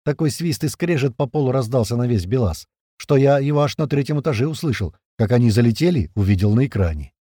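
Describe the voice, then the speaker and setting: Brief: male audiobook narrator, dark tone, lively pitch, dry close sound, chatty first person. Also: quick pace, no echo. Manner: conversational, swears casually.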